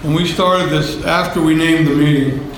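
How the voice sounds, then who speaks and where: An older man shares his story at a recovery meeting, speaking into a handheld microphone in a meeting room in a rambling, folksy way with many fillers. His voice is a little high with a steady tone and normal speed, and the audio is poor with slight background noise.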